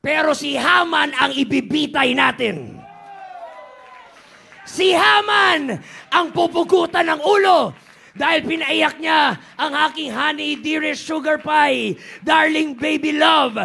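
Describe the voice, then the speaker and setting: A man's voice: extremely high pitch, takes it slowly, gravelly, voice pushed up, full character voice. A preacher acting out a lovesick ancient king who heaps pet names on his queen and bellows in rage. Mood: furious. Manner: doting pet names, then raging shouts.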